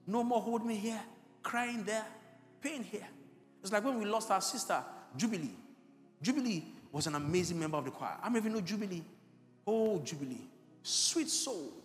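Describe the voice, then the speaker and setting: A male pastor preaching in a high voice, moving from hushed, intimate moments to loud, pleading cries. His voice rings through a large, echoey church hall. Soft music plays underneath. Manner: emotional storytelling, swings from hushed to loud. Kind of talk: sermon.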